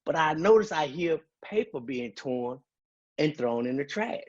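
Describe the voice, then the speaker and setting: Man, guest speaker, emotional first-person testimony; slightly higher voice, dull webinar sound. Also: lively intonation, unhurried. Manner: earnest, emotional, quotes dialogue.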